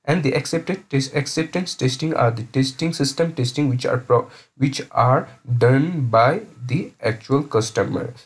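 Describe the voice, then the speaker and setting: A man's voice: mid-range voice, unhurried, slightly rough. A man lecturing over slides, explaining each point step by step and often restarting or repeating words.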